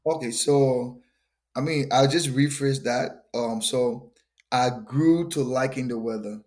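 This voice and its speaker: A man's voice: medium pitch, slow pace, darkish tone. A young Liberian man with a Liberian accent, a gospel musician talking earnestly in a podcast interview and often repeating words. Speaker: gospel musician and worship leader.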